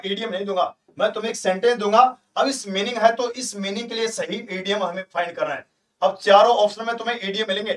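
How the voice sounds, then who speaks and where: High-voiced teacher coaxing his class. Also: far from the mic. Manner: chatty, coaxing, repeats himself, asks students questions. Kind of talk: live online exam-prep lesson.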